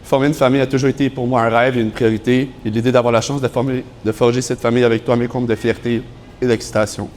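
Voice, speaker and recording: Fast-talking young Quebec groom reading vows. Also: male voice, medium pitch, little pitch movement, a little mellow, slight background noise. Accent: Quebec French. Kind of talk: prepared wedding vows speech. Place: wedding ceremony.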